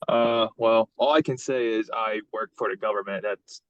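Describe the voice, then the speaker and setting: A man's voice: fairly low pitch, steady tone, normal speed, no echo, highs cut off. A man in his twenties calling into a dating show, talking casually with a cagey, joking manner. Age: 20s. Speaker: caller. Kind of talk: casual chat.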